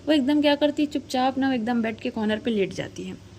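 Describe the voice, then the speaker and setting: A woman's voice: high voice, a little fast, darkish tone, a little hiss or hum. A woman narrating a story casually, chatty and slangy, talking to the listener like a friend.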